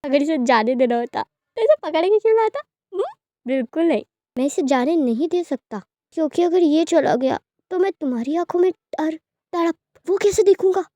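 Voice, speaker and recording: A woman's voice: high voice, moderate pace, dry recording. A woman voicing a cruel young male villain who taunts and gloats in a sing-song way. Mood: gloating.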